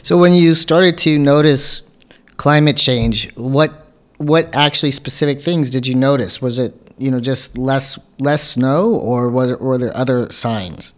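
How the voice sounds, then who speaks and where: A man co-hosting a podcast, calmly reading a scripted recap and asking the guest questions. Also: medium pitch, measured pace. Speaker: podcast co-host. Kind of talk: scripted intro and interview questions.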